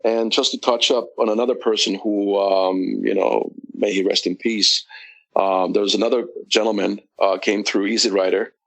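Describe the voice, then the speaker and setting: A man's voice: lowish voice, fairly even intonation, normal speed, creaky, a bit bright, low-quality recording. A man, a guest on a casual podcast, recounting at length with many fillers and restarts. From United States. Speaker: guest, wrestling promoter.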